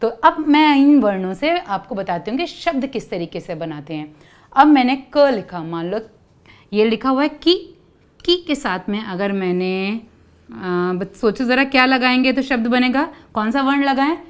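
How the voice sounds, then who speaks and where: Smooth-voiced woman teaching young children. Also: a little high, animated, unhurried. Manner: stretches syllables and asks kids to repeat; patient, explains step by step. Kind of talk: children's Hindi lesson.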